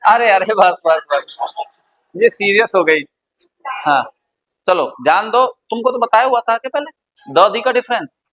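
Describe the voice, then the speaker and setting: A middle-aged man with a high voice lectures a class on grammar. He teases students by name and switches between two languages as he explains, with the sound of a classroom recording. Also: a little slow, long pauses, fairly bright tone, low-quality recording. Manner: teasing, addresses students by name, mixes Hindi and English. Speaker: English grammar teacher.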